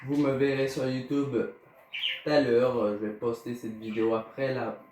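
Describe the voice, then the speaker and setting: This gaming YouTuber is a Canadian man with a Québécois accent, commenting casually and hesitantly, with stammers and plenty of fillers. His mid-range voice shows little pitch movement at a normal speed. Background noise, music, a distant mic and a roomy echo color the audio.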